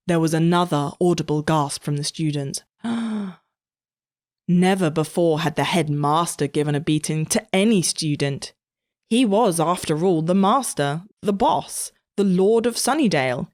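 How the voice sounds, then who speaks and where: A woman narrating a comic story in a lively storytelling manner. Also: fairly low pitch.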